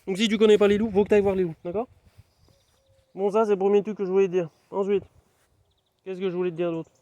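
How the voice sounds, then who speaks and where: A man's voice: high-pitched, flat delivery, fast, dark tone, dry recording. A young man vlogging outdoors in his garden, rambling playfully and talking straight to the viewer. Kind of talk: casual outdoor vlog chat.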